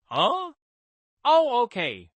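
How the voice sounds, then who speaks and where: A composed young woman speaks in a raised, lighter voice, as a man puts her on for a story narration. Her tone is self-assured and even, with a lively rise and fall. The recording is close and dry. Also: high voice, takes it slowly, no echo, pitched above the performer's own voice, exaggerated voice. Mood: curious.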